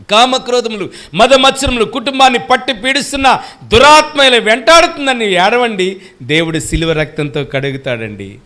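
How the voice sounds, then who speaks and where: High-voiced man preaching emphatically. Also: a bit bright. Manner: emphatic preaching, questions the congregation and urges them to answer aloud. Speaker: pastor. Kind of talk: Good Friday sermon.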